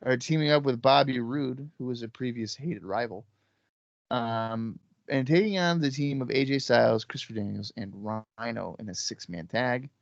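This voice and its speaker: A man's voice: mid-range voice, normal speed, creaky, no room sound. Man, podcast co-host, laid-back and drowsy, dry close mic, a little muffled. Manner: relaxed, sleepy, offhand with swearing. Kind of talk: casual chat.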